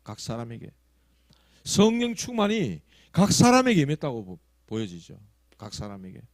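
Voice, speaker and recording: Lively Gyeongsang pastor preaching. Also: male voice, mid-range voice, moderate pace, no echo. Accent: Gyeongsang Korean. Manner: storytelling, shifting from loud emphasis to hushed asides; acts out quoted prayers and tongues. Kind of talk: sermon.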